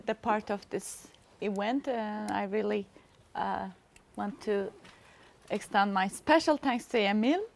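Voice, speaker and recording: A middle-aged woman gives a formal seminar presentation. Her voice sits a little high with a gravelly fry, and she halts often to find her words. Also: slight background noise. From Turkey. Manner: halting, searching for words with frequent pauses.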